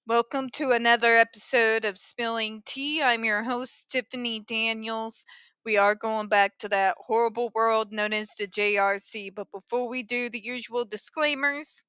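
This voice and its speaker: A woman's voice: a little high, fairly even intonation, normal speed, bright, forceful tone, clear, resonant tone, no echo, highs cut off. A woman hosting an opinionated commentary show in a polished call-center phone voice, speaking in a blunt, sarcastic, emphatic way. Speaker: host of an advocacy commentary show.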